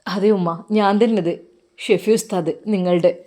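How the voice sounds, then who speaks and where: A woman voicing a devoted young male cleric who speaks softly and respectfully with a Malappuram Malayalam accent. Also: on the low side, fairly even intonation, normal speed, voice pushed down, close to an everyday voice. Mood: polite.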